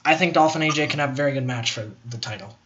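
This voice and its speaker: A young man hosting a casual wrestling chat, opinionated and animated, swearing casually as he makes his picks. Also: medium pitch, racing, slightly rough, highs cut off. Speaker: podcast host.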